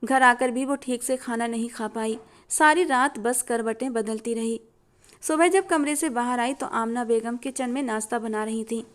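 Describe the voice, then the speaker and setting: A woman narrating a romance novel as a storyteller, in a calm, steady manner. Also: fairly high pitch, normal speed.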